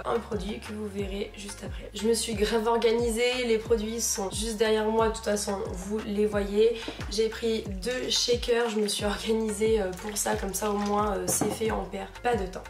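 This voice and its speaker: A French woman vlogger with a sick, congested sore-throat voice, chatting casually and hesitantly through a product review. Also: medium pitch. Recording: roomy echo, music underneath.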